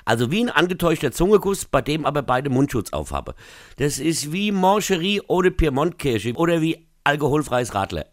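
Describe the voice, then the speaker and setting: A male stand-up comedian performs a scripted radio bit, his pitch jumping up and down as he lands his gags. The recording is close and dry, with almost no room sound. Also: big pitch swings, normal speed, no room sound. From Rhineland-Palatinate, Germany. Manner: punchy, jokey delivery with sudden pitch jumps and asides.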